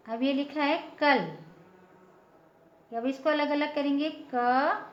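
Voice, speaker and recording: A woman's voice: sits high, steady tone, slow pace. A woman teaching a patient, step-by-step lesson, often checking in with her listeners. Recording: echoey room, dull lo-fi sound.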